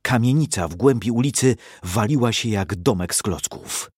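Male storybook narrator, expressive, dry close sound. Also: lowish voice, normal speed, slightly rough, no echo.

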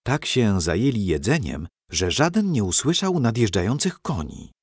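A man narrating a storybook in a measured, expressive reading. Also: lowish voice, slightly rough, no echo, studio quality.

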